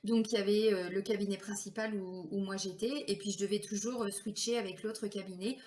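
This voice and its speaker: A woman's voice: medium pitch, steady tone, a little fast, a little mellow, reverberant, a little hiss or hum. A woman telling her personal story in a chatty way, with many fillers, sometimes acting out the voices of others. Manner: chatty, lots of fillers, acts out quoted voices. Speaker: vlogger and card reader.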